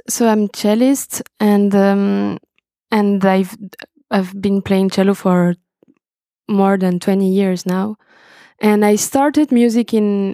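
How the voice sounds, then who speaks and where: A woman's voice: mid-range voice, mellow, dry recording, studio quality. A young woman from Brazil, speaking as a guest on a video call from home and stopping often to search for words. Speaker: guest musician. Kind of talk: interview conversation. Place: home, indoors.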